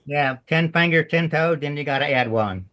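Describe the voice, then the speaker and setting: A man's voice: fairly high pitch, moderate pace, fairly bright tone. A man with a Southern US accent, a playwright chatting in an interview, rambling in a folksy way as he tells stories. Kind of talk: casual interview chat.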